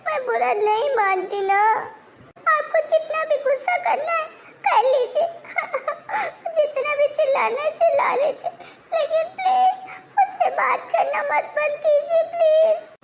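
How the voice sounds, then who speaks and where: Squeaky sulking wife, always teary, very high and whiny, voiced by a woman. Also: moderate pace, vocal fry, background noise. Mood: tearful. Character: weepy touchy young wife, easily hurt. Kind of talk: storytelling with voiced figures.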